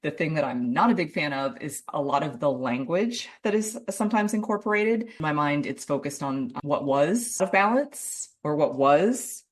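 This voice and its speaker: Woman host, low voice, chatty and gushing, casual interview. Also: expressive, normal speed, hardly any pauses. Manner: effusive, chatty, lots of "like". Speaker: podcast host.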